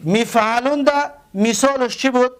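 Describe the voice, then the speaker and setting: A man with a Tajik accent teaching a grammar lesson. He goes slowly, repeats words and spells them out letter by letter. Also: extremely high pitch, smooth.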